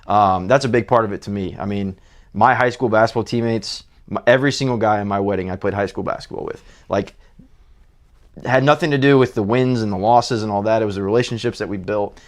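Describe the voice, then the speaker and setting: Male coach guest, low voice, earnest and reflective, talks in long, rambling answers. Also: a little fast. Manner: earnest, lots of fillers and restarts. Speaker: high school basketball coach. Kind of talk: interview answers.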